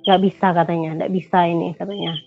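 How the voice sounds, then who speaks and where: A woman's voice: on the low side, flat delivery, quick pace. A woman telling her personal religious testimony, acting out the quoted dialogue with frequent hesitations. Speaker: convert giving a religious testimony. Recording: dull lo-fi, dry sound, faint music behind.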